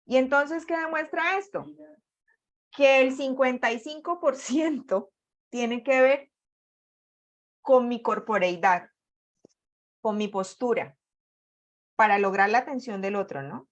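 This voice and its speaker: Lively Colombian woman teaching a class. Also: sits high, slow, long pauses, dull audio. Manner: lively, varies her intonation on purpose. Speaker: workshop facilitator. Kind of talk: online class on job interviews.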